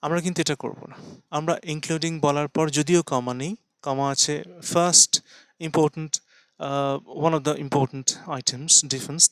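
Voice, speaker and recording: Slow, deliberate man teaching English. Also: on the high side, a bit bright, dry recording. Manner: deliberate, spells out words letter by letter, pauses often; reads English phrases very slowly with stress. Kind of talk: slow explanatory lesson on reading and pronunciation.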